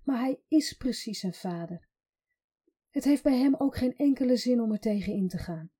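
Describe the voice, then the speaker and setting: A woman's voice: a little high, expressive, normal speed, dark tone, husky. Woman reading an ashamed, worn-down mother. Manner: hesitant, self-blaming.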